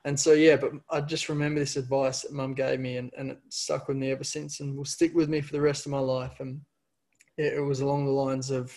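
A man's voice: medium pitch, level tone, a little fast, a little mellow. A young man telling a personal story in casual chat. He stumbles and repeats words often as he talks.

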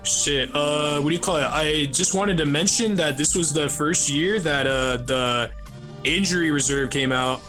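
Young man, twenties, casual rambling talk, somewhat high pitch, music behind. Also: a little slow, a bit bright. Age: 20s. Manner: rambling, repeats "what do you call it". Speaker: podcast guest. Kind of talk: casual chat.

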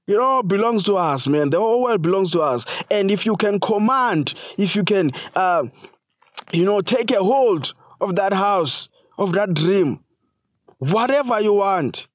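Pastor, man, fairly high voice, loose filler-heavy preaching, dry and muffled recording. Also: lively intonation, no room sound. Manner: halting, many fillers like "you know" and "you see"; casual preaching with slang. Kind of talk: sermon.

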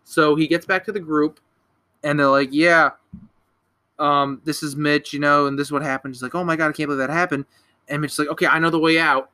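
A man's voice: a little high, steady tone, brisk, sharp tone. A young man casually recapping a horror movie on a podcast, rambling, swearing and correcting himself as he goes. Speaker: podcast co-host.

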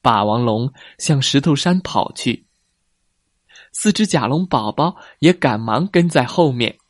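A man reads a children's story in a slow, gentle pace with a lively, swooping voice that sits a little high. The sound is dry and close, with no room around it. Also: no echo.

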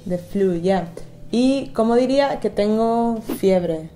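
A woman's voice: a little high, expressive, slow, dark tone. A woman co-hosting a bilingual language lesson, playfully asking how to say things and laughing easily. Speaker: co-host asking questions.

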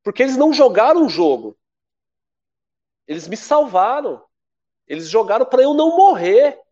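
A Brazilian man in his forties, a guest telling a story in a casual, lively way and acting out what people said. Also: moderate pace, muffled recording. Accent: Brazilian Portuguese. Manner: lively, acts out quoted voices with big pitch jumps. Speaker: podcast guest, former athlete.

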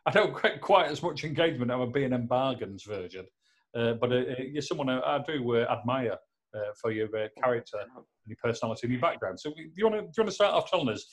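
Joking English podcast host, rambling. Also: male voice, mid-range voice, expressive, quick pace. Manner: rambling, joking, lots of fillers. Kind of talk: casual podcast chat. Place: home office. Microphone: laptop.

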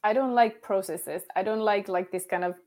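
Speaking at a moderate pace in a medium-pitched, slightly mellow voice, a Finnish-accented woman in her thirties chats casually as a podcast guest. She teaches yoga, talks openly, laughs frequently and leans heavily on "like".

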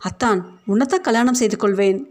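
A woman's voice: on the high side, fast, a little mellow, natural voice. A woman voicing a stubborn, tearful little girl in a read-aloud story, with childish pleading.

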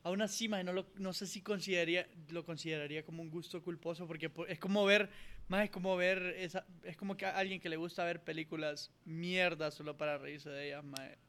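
A man's voice: fairly high pitch, steady tone, fairly quick, a bit bright. A man, co-hosting a podcast, rambling and laughing through crude jokes. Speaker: podcast co-host. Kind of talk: casual podcast banter.

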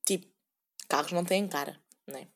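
A woman's voice: lowish voice, normal speed, vocal fry. Chatty young Portuguese woman rambling. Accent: European Portuguese. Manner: chatty, rambling, sarcastic, acts out quoted voices. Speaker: podcast host. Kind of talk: casual solo podcast rant.

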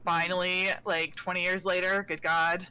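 A woman streamer in casual chat, talking with animated enthusiasm. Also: on the low side, normal speed, clean tone, lo-fi sound.

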